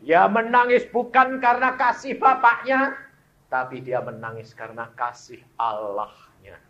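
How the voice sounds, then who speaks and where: Slow, emotional male preacher. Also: high voice, steady tone. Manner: emotional preaching, swinging between loud outbursts and soft, hushed lines. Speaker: pastor. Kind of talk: sermon. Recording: dull lo-fi recording.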